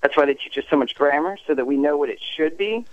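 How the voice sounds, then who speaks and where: Male radio caller, tinny phone line, slightly high voice, halting with fillers. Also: no echo.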